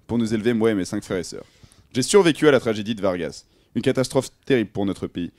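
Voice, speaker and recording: A man's voice: on the low side, darkish tone, no echo, natural voice. A young man playing a self-assured male politician, addressing the nation in a solemn, proud speech on student radio. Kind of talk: student radio role-play.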